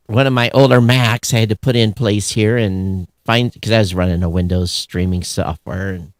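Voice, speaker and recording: An American podcast co-host chats in a casual, unscripted, rambling way. His voice is fairly low with a steady tone at normal speed, recorded with studio quality and no room sound.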